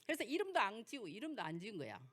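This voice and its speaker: Lively older woman pastor, Jeolla accent. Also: fairly high pitch, rapid-fire. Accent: Jeolla dialect. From Jeolla, South Korea. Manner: animated, folksy storytelling with rhetorical questions. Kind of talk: sermon lecture with personal stories.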